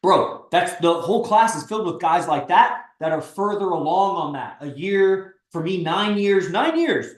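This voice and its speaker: Male host, 30s, blunt persuasive pep-talker, slightly high-pitched, roomy sound. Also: lively intonation, moderate pace, few pauses. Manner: blunt, persuasive, swears freely. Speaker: stream host and coach. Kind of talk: casual livestream pep talk.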